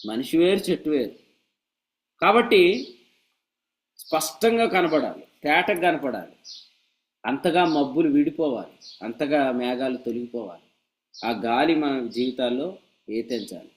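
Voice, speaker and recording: A man preaching a sermon at a church meeting, animated and scolding with humor and rhetorical questions. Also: mid-range voice, moderate pace, poor audio. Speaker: pastor.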